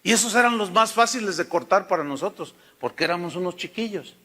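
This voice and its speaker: A Mexican-accented pastor preaching in a high, bright voice, telling homely stories and calling listeners "brother". His sermon rings through a long reverb in a church. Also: expressive, quick pace. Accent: Mexican Spanish. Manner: folksy storytelling, addresses listeners as hermano.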